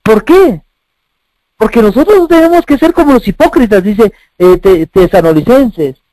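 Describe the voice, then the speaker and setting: At a moderate pace, a man preaches forcefully in a very high, animated voice with big swoops in pitch, repeating phrases and asking rhetorical questions. The audio is close, dry, and of low quality.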